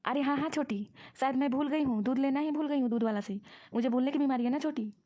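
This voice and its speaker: A woman's voice: high voice, fast, mellow, natural voice. A woman voicing a complaining aging woman who pretends to be forgetful in a cartoon. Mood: indignant. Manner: complaining, whiny. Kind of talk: cartoon voice acting.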